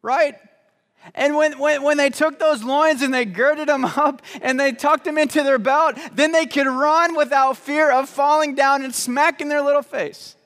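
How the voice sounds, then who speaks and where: A man's voice: extremely high pitch, steady tone, a little slow, fairly bright tone, long reverb tail. A male pastor preaching a sermon in a church, talking in a conversational, joking way with frequent false starts and repeated words. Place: church sanctuary.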